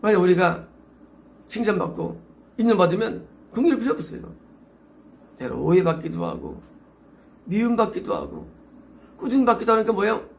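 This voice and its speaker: A man's voice: sits high, sing-song, normal speed, vocal fry, pauses often. A middle-aged man with a Korean accent preaching a sermon as pastor, emphatic and exhorting, with many rhetorical questions.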